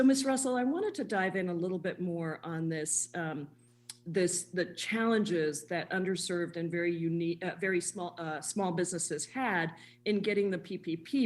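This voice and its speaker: A woman committee member joining a congressional hearing remotely, giving a brisk, earnest statement and question. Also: lowish voice. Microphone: remote video call.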